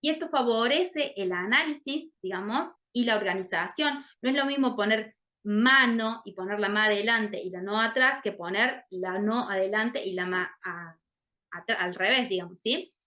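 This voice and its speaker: Woman, teacher, explanatory, keeps asking "right?", bright tone, muffled recording. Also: mid-range voice, moderate pace. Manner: checks in often with "¿sí?". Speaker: literacy teacher explaining a case. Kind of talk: explanatory lesson talk.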